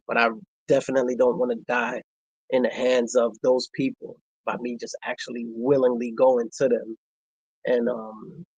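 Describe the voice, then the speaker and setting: Man, husky voice, dry close sound, reflective personal storytelling, halting. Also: medium pitch, a little mellow, no echo, rough recording. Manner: reflective, halting, many fillers. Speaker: vlogger.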